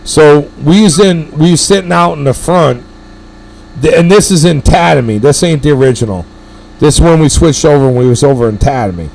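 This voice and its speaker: A man's voice: fairly high pitch, fairly quick, gravelly, a little mellow. A middle-aged man hosting a powerlifting live stream, telling stories in a rambling, profane, emphatic way. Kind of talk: casual storytelling chat.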